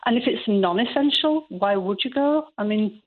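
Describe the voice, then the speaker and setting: A woman's voice: fairly high pitch, lively intonation, moderate pace, breathy edge. A middle-aged woman with a Yorkshire accent, chatting casually as a caller to a radio phone-in. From Yorkshire, England. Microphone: telephone. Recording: tinny narrowband phone line.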